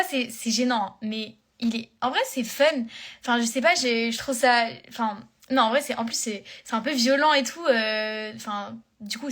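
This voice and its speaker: A young woman talks to fans on a live phone stream. Her voice sits fairly high, and she rambles along with lots of fillers and restarts. The chat stays casual and loose throughout. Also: a bit bright.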